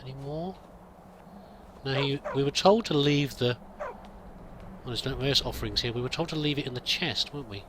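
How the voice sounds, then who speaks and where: A man speaks at normal speed in a mid-range voice, pausing often, with background noise behind him. He roleplays a pilgrim in a game for a let's play, thinking aloud in hesitant, wandering in-character commentary.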